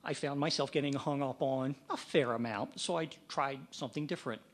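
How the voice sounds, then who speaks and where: In a brisk, medium-pitched voice, a man from the Mid-Atlantic US delivers plain, practical fundraising training. He demonstrates by role-playing phone calls.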